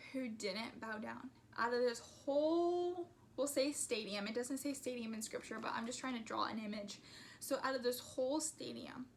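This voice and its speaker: Young woman talking through a bible story, kinda higher voice, earnest and animated, faint hiss behind. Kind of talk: casual Bible study retelling.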